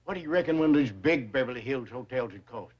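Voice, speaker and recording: A man's voice: mid-range voice, lively intonation, fast, close to an everyday voice. A man playing a folksy country fellow. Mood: sheepish. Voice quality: drawling, folksy. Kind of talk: 1960s sitcom acting. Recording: dull old TV audio with loud laugh track.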